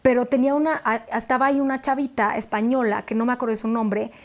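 A young adult woman, an actress as interview guest, telling a personal story in casual chat and acting out the quotes. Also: fast talker. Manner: animated, acts out quotes with sudden high bursts.

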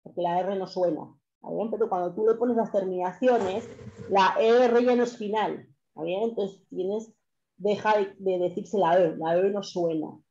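A woman's voice: medium pitch, fairly even intonation, moderate pace, dark tone. A woman teaching an online language lesson, explaining patiently and checking constantly that her students follow. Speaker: French teacher. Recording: dull lo-fi online class audio.

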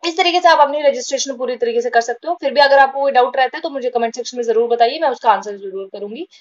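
High-voiced woman explaining casually, lo-fi. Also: quick pace. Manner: casual, repeats points, frequent fillers. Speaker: job-update channel host. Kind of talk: informal explainer voice-over over screen recording.

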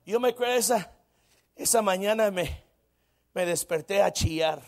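Man, pastor, high voice, animated sermon storytelling. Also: moderate pace. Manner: animated storytelling with frequent exclamations.

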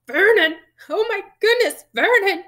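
A woman's voice: very high-pitched, expressive, unhurried, pushed and bright, voice pushed up, heavily acted. A woman voicing a nervous middle-aged aunt in a storybook, with a quivering, fretful delivery. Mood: horrified.

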